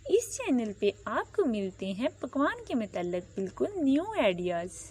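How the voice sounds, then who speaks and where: A woman's voice: on the high side, sing-song, measured pace, a little mellow, slight background noise, rough recording. Pakistani woman teaching a recipe over sizzling pans. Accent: Pakistani Urdu. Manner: polite, methodical, lists quantities step by step. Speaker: cooking channel host. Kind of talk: step-by-step cooking tutorial. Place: kitchen at the stove. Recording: frying and sizzling behind the voice. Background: sizzling oil and stirring.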